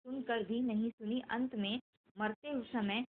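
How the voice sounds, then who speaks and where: Wise old sage, calm and stern, steady measured telling, as a woman reads him in her own voice. Scripture story, higher voice, tinny line. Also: natural voice. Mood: solemn. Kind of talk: devotional scripture reading. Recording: tinny phone-like line, faint noise.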